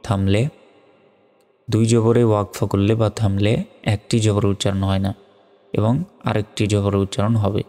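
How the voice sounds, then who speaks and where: A man teaching Quran reading, spelling out each word slowly and evenly, then reciting it in long drawn-out tones. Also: on the low side, big-room sound. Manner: slow, even spelling drills, with drawn-out recitation.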